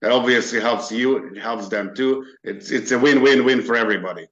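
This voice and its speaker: A man's voice: mid-range voice, a little fast, fairly bright tone. A man, a guest in a casual interview, talking earnestly with many fillers and restarts. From Hungary. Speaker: interview guest, business owner. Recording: dull lo-fi sound.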